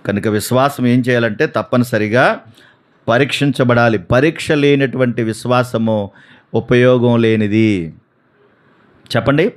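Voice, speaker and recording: A man preaching a sermon, animated, acting out voices and asking the congregation questions. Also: mid-range voice.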